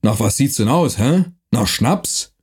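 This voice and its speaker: A man doing a gruff night watchman. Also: medium pitch, expressive, a little slow, darkish tone. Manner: rough, bullying, barking. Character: huge gruff male night watchman, mercenary-like.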